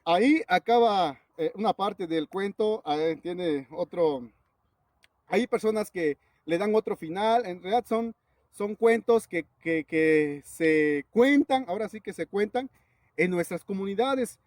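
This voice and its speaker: High-voiced man telling a folk tale. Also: a little slow, no echo. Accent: Mexican Spanish. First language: Zapotec. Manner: relaxed, conversational, with fillers. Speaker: teacher and storyteller.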